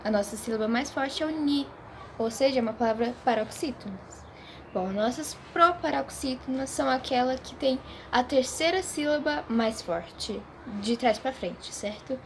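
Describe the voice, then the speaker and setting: A woman giving a homemade video lesson, slow and deliberate, repeating example words syllable by syllable. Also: high voice, lively intonation, slight background noise. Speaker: student presenting a class assignment.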